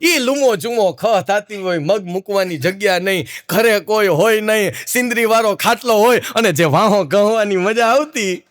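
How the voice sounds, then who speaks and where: A man's voice: high-pitched, normal speed, few pauses, dry recording. A middle-aged man with a Kathiawadi Gujarati accent, telling funny folk anecdotes on stage and acting out the people in them. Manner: lively folksy storytelling, acts out the people in his stories. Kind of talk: live stage storytelling.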